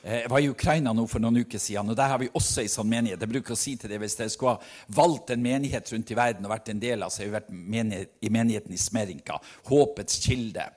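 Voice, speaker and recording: A man preaching a sermon, telling stories earnestly and swinging between loud and hushed delivery. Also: on the low side, few pauses. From Norway.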